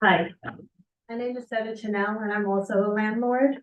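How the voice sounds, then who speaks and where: A woman's voice: mid-range voice, steady tone, normal speed, dull audio. A woman, a landlord speaking at a public comment session, who earnestly explains her point step by step. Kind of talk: public comment at a village board meeting. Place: village board meeting room. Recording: echoey meeting hall, distant mic.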